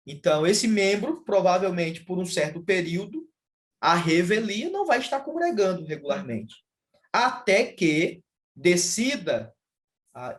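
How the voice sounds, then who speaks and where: Um pastor brasileiro explica teologia em uma conversa, de modo pausado e didático, com muitos "ah" de hesitação. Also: male voice, high voice. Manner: measured, explanatory, with frequent "ah" fillers. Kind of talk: casual theological conversation.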